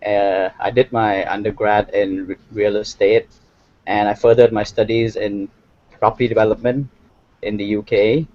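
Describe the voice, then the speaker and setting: A young man from Thailand answering interview questions in a hesitant, soft-spoken way. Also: fairly low pitch, level tone, normal speed, no echo. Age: young adult. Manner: hesitant, many fillers and restarts, soft-spoken. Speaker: interview guest, hotel owner. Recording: dry, slightly dull audio.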